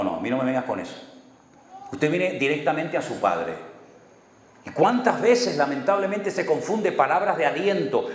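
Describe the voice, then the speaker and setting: Male pastor, sermon delivery, dry humor, echoey hall with long reverb. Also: a little high. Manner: storytelling, acts out dialogue with dry humor.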